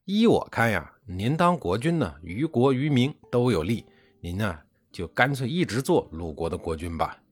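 A man's voice: medium pitch, sing-song, normal speed, husky. A male storyteller voicing a scheming, ambitious nobleman who wheedles and then hisses threats. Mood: wheedling.

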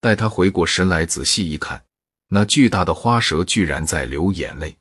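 A man narrating a folk tale in a steady, even storytelling manner. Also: low voice, moderate pace, slightly rough, no room sound, clean studio sound.

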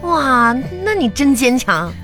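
A woman's voice: sits high, very animated, takes it slowly, full character voice. A woman playing a teasing exasperated girlfriend. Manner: teasing, scolding, mock-exasperated. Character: teasing, exasperated female friend. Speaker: radio comedy host acting a character. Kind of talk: live comedy radio drama. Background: loud background music.

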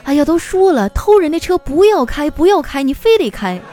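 A woman voicing a flustered wife who nags in a high, exasperated voice. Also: sing-song, brisk, mellow.

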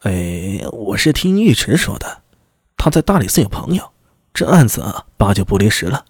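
A man's voice: fairly low pitch, very animated, moderate pace, darkish tone, slightly rough, no room sound, studio quality, pitched below the performer's own voice, exaggerated voice. A man reading an audiobook, voicing a brusque young male constable officer who gives blunt, warning advice. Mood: urgent advice.

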